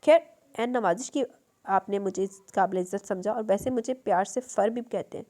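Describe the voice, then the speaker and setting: A woman's voice: mid-range voice, moderate pace, dark tone, natural voice. A woman reading as a smug teasing young man.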